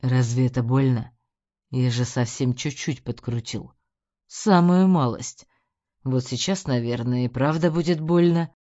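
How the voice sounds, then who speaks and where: A woman voicing a cruel, mocking middle-aged male crime boss in an audiobook, speaking in a slow, low sneer. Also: warm tone. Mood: menacing, mocking. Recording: dull lo-fi recording.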